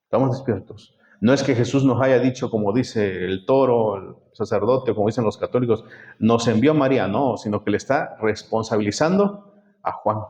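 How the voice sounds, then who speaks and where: A man's voice: fairly low pitch, moderate pace, darkish tone, dull audio. A man preaching a sermon in a church, often turning to the congregation with rhetorical questions. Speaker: pastor.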